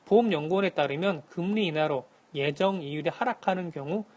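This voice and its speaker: A man calling in to a radio show as a correspondent, giving a formal, scripted economic briefing in a measured manner. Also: fairly high pitch, a little mellow, lo-fi sound. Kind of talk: scripted news briefing, answering by phone. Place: phone link to a radio programme.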